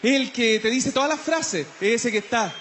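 High-voiced Chilean stand-up comedian. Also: male voice, expressive, normal speed, fairly bright tone, slight background noise. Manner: slangy, mocking, jumps into mimicry and scat singing. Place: outdoor festival stage.

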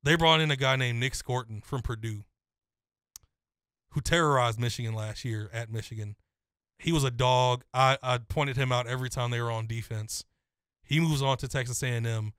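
A man's voice: medium pitch, moderate pace, clear, resonant tone, dry recording, studio quality. Man breaking down college football. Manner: confident, detailed analysis with steady flow. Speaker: co-host. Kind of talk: casual sports chat.

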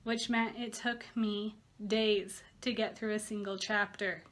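A woman's voice: mid-range voice, level tone, measured pace, fairly bright tone. A woman, a part-time teacher, talking casually to camera in a candid, slightly rambling way, correcting herself as she goes. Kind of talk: casual vlog chat to camera. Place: home video studio.

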